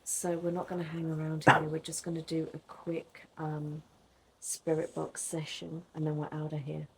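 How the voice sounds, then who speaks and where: A woman's voice: deep voice, completely flat delivery, normal speed, creaky, slight background noise. A woman investigating a derelict mill, talking nervously and swearing, sometimes whispering. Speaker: paranormal investigator. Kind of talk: on-location paranormal investigation chat. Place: dark derelict mill indoors.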